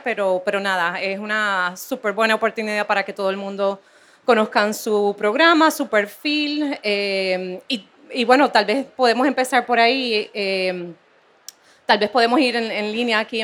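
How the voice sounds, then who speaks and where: A woman moderates a live panel at an art fair. Her voice sits at a middle pitch for a woman. She talks in a relaxed, easy way, with plenty of fillers and restarted phrases. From Puerto Rico. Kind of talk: casual conversational moderating.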